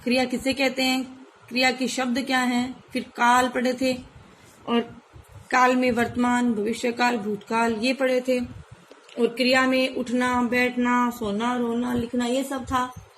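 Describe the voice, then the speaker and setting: A woman teacher with a high voice walks her pupils through a recorded lesson. She explains things patiently and keeps asking whether they follow. There is a faint hiss of noise behind her. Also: little pitch movement, unhurried, poor audio. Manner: patient explaining, frequent checks "है ना?". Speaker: school teacher. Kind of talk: recorded online class lesson.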